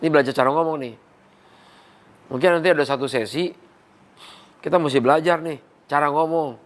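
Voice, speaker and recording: Male trainer, fairly high-pitched, repeats and quizzes staff. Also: fairly quick. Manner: repeats key points and asks rhetorical questions. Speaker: company trainer briefing staff.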